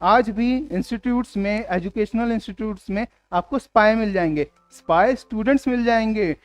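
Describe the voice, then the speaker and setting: High-voiced man teaching vocabulary. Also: faint music behind. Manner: explains in Hindi, reads English words and sentences slowly; asks the class rhetorical questions. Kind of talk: exam-prep vocabulary lesson.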